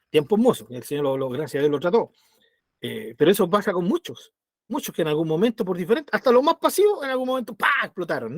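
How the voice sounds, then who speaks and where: With a Chilean accent and a high voice, a man leads a conversational Bible study, frequently checking on his listeners. The studio-quality, echo-free recording captures his animated style as he acts out small voices.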